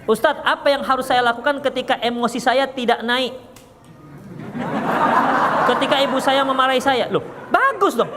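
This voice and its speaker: A man giving a religious study lecture, explaining with a joking, teasing manner and answering questions from the audience. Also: very high-pitched. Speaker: religious teacher. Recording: echoey hall, faint background noise.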